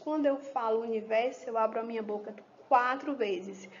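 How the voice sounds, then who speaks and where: A woman's voice: a little high, highs cut off. A woman teacher giving a patient lesson explanation to young children, asking questions and answering them herself. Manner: slow, patient, asks and answers own questions.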